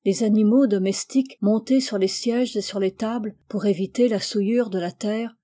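A woman reading a novel aloud with measured, expressive narration. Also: medium pitch. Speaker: reader.

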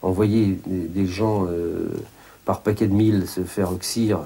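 A man speaking haltingly in an interview, often pausing to search for his words. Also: sits low, fairly even intonation, dark tone, husky. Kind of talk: reflective interview.

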